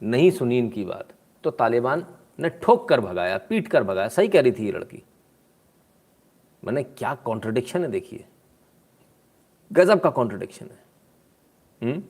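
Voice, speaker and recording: Male commentator, casual and sarcastic, mocking asides, throat clearing, close-mic chat. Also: mid-range voice, very animated, normal speed, pauses often, a little mellow. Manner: frequent throat clearing and "hmm?". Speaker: political commentary host.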